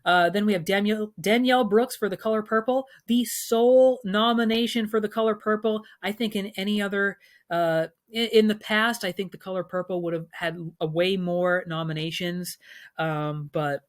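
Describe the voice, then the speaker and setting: In a high-pitched voice at a normal pace, a film commentator chats through his award picks on a relaxed vlog. His talk is loose, studded with ums and uhs, and both opinionated and enthusiastic.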